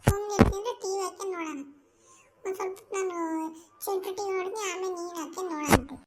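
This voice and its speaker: A woman's voice: very high-pitched, racing, loud music behind the voice. A woman voicing a cheeky young grandchild who talks in bossy, teasing chatter.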